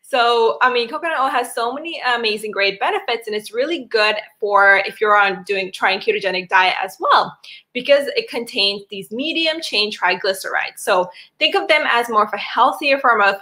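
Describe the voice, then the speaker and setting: A woman's voice: on the high side, animated, moderate pace, pushed and bright. A woman from Sri Lanka giving a chatty health presentation on a video call, with many fillers and restarts. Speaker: wellness doctor presenting a webinar.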